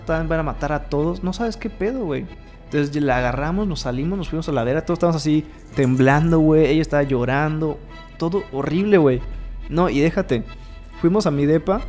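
Telling a party story as a co-host, this man with a Mexican accent chats casually and brings it to life by acting out voices, quotes, and sound effects. His voice sits on the high side with a darkish tone.

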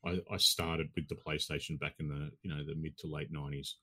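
Here the same sort of speaker, a middle-aged Australian gaming podcast host on as a guest, keeps things easygoing and matey. This time his voice is a husky, sharp, rumbling low, with little pitch movement and a slightly quick pace.

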